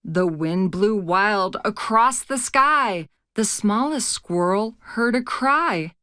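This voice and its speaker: A woman narrating a rhyming children's picture book as a read-aloud host, with a measured, expressive storytelling delivery. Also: mid-range voice, smooth, no room sound, clean studio sound.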